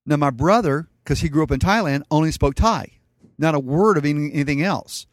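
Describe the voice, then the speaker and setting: A man's voice: fairly high pitch, fairly quick, no echo, clean studio sound. A man in his sixties, a guest on an interview show, telling stories from his past in a plain, matter-of-fact way. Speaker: podcast guest, real estate investor. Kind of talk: casual interview storytelling.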